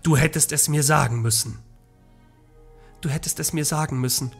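A man's voice: a little high, steady tone, moderate pace, faint music behind. A man voicing a passionate, desperate young queen in a storybook read from a game. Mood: despairing.

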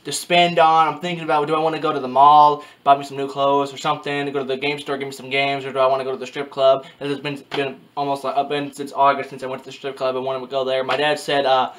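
A man's voice: medium pitch, monotone, fast, hardly any pauses, a bit bright. A man in his early twenties rambling casually to his webcam in a small bedroom, with frequent restarts and repeated filler phrases. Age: early 20s. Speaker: vlogger. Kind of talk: casual talking-head vlog.

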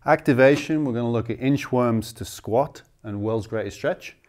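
A man in his thirties with a mid-range voice talks at a moderate pace. He's a strength coach in an indoor gym, giving instructional explanations of training and steadily, methodically listing figures.

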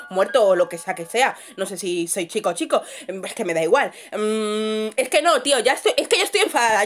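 A woman casually commentating a horror game, swearing a lot, muttering under her breath and screaming when startled. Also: medium pitch. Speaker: gamer streamer.

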